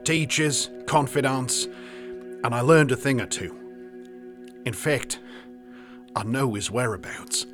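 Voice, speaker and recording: A man's voice: mid-range voice, takes it slowly, long pauses, music in the background, natural voice. A man doing a breezy Australian bushman. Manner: breezy, slangy, matter-of-fact.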